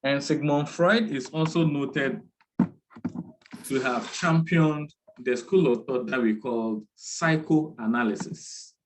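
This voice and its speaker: Brief: male lecturer, measured and unhurried, repeats key terms, online class. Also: medium pitch, a little hiss or hum, poor audio.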